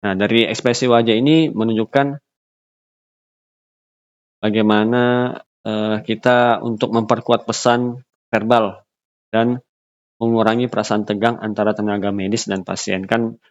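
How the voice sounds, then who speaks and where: A man with a lowish voice lectures in an unscripted way, halting with fillers and restarting phrases as he explains. The recording sounds dull and lo-fi. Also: level tone.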